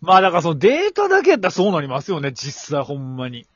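A man with a Kansai accent co-hosting a casual comedy podcast, trading quick banter and acting out silly skit lines. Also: a little high, huge pitch swings, dry recording. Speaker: podcast co-host. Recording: muffled lo-fi podcast audio.

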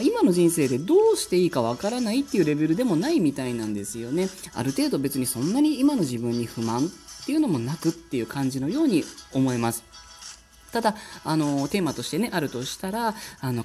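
Woman, low mellow voice with lively intonation, courteous customer-service delivery for a fortune-telling show, music behind. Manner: explanatory, formal and courteous. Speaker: fortune-teller host of an audio show. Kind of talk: spoken past-life reading for a listener.

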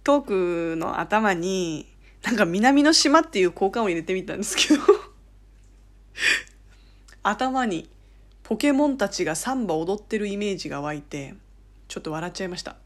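A woman's voice: medium pitch, lively intonation, moderate pace, long pauses. A woman with a Korean accent hosting a casual solo talk show, laughing often and acting out quoted lines. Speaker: podcast host.

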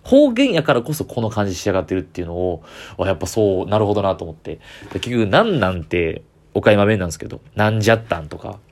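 Man, Kansai accent, deep low voice, comedian talking solo, chatty and rambling. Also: big pitch swings, quick pace, hardly any pauses. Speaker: comedian podcaster. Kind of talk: solo casual chat.

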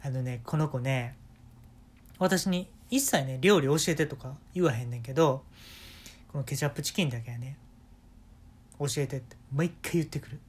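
A man's voice: mid-range voice, moderate pace, long pauses, breathy edge, close to an everyday voice. A man voicing a chatty, know-it-all female mole mother with a Kansai accent, who lectures and teases. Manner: confident, lecturing, teasing.

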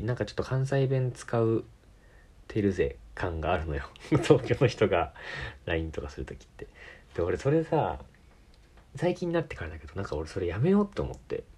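A man's voice: fairly low pitch, warm tone, husky. A man from Tokyo with a Tokyo accent, hosting his own podcast and rambling casually, correcting himself and laughing often. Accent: Tokyo Japanese. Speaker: podcast host. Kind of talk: casual solo talk.

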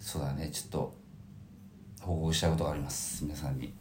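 Very low-voiced man talking quietly. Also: level tone, fast talker, echoey room, a little hiss or hum. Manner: subdued, quiet and matter-of-fact. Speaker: comedy podcast co-host. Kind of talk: casual comedic banter. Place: dressing room backstage.

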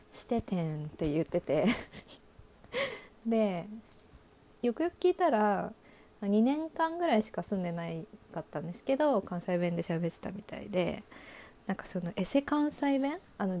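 Woman, chatty solo talk host, frank storytelling, lots of fillers, gravelly fry, dark mellow tone. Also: mid-range voice. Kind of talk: casual storytelling monologue.

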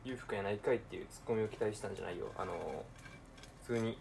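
A young man with a Kansai accent chats alone while cooking, muttering to himself and then bursting into excited shouts. His voice sits on the low side, with a faint hiss of noise behind it. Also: very fast, creaky. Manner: talks to himself, alternating mumbling with excited outbursts. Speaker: podcaster. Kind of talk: casual solo talk while cooking.

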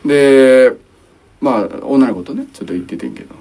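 A man's voice: medium pitch, fairly quick. A young man with a Kansai accent telling a story in casual podcast chat, acting out the quotes. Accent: Kansai Japanese. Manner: animated storyteller, acts out quotes. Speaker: podcast co-host.

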